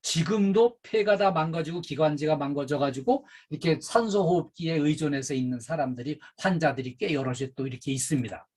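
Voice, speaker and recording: A middle-aged man giving a workplace training lecture, emphatic and animated, with frequent fillers. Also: fairly high pitch, fairly quick, few pauses. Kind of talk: safety and customer service training lecture.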